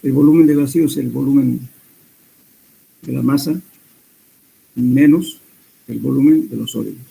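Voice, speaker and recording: Un hombre que da una clase de mecánica de suelos, explicando cálculos paso a paso con muletillas y correcciones. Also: male voice, mid-range voice, normal speed, creaky, slightly rough, poor audio. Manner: steady explanatory teaching with hesitant fillers and self-corrections. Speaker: soil mechanics lecturer. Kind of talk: classroom lecture.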